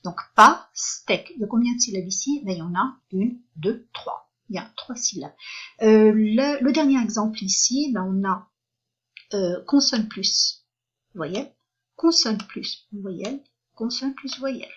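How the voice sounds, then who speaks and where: A woman's voice: medium pitch, measured pace, husky, lo-fi sound. A woman teaching a reading lesson for beginners, patient and repetitive, checking often that her listeners follow, with frequent hesitant fillers.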